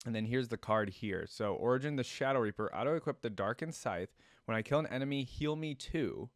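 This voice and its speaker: A reaction video host chats informally with his viewers, giving casual commentary in a fairly quick, mid-range voice. The recording is studio quality with no room sound, and game trailer music plays behind him.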